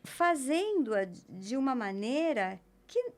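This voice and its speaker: Woman guest, slow and reflective, fairly high voice. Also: sing-song. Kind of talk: casual chat.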